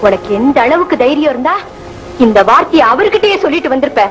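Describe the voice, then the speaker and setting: A devoted young wife, pleading and emotional, with a high voice. Old film soundtrack with music behind. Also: female voice, expressive, quick pace, poor audio. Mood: angry.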